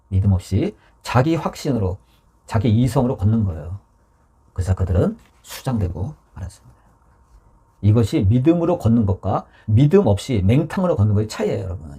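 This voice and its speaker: A man preaches in a church with a very husky, mellow voice. His pitch swings widely as he acts out voices from scripture. At times he falls to a whisper to drive a point home. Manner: animated preaching, acting out scripture voices, dropping to whispers for emphasis. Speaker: pastor. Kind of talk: sermon.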